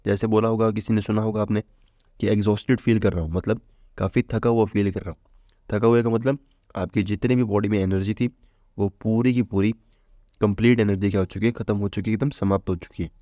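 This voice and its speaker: A man's voice: on the low side, fairly even intonation, a little fast, mellow, dry recording. A man giving a casual vocabulary lesson, chatty, asking questions and answering them himself. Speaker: vocabulary teacher. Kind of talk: casual Hindi exam-prep lesson.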